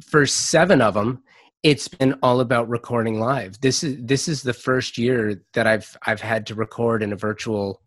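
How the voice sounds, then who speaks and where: A man's voice: medium pitch, moderate pace, fairly bright tone, dry recording. A man hosting a podcast interview over a video call, often repeating words as he restarts his sentences. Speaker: podcast host. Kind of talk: casual interview.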